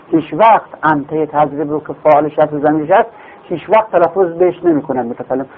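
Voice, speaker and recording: Captured in a phone-like lo-fi recording with slight background noise, a man with a slightly high voice and vocal fry teaches grammar in a classroom lecture. He explains patiently, repeats terms, and asks and answers his own questions.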